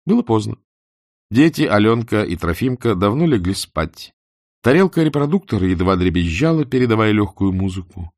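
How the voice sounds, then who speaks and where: Man, audiobook narrator, low voice, lively intonation, dry studio sound. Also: normal speed, dry recording. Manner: expressive storytelling reading.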